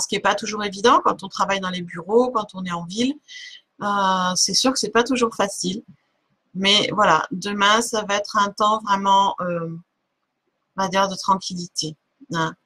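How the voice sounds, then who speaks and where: With a medium-pitched, sharp-toned voice, this woman streams a live oracle card reading. She's casual and unsure, frequently stopping to find the right word, filling gaps, restarting, and laughing at herself.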